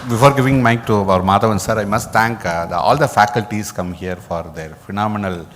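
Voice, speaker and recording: A low-voiced man with a South Indian accent offers a vote of thanks. The hall rings around him, with some faint rumbling noise. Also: a little fast, fairly bright tone. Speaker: conference organiser.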